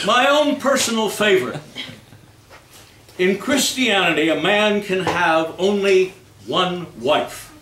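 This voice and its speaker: Presenting a holiday readers theater live, a high-voiced man keeps things informal and jokey, often stalling and repeating himself between comic readings. The mic sits far away, picking up an audience in a noisy room full of echo.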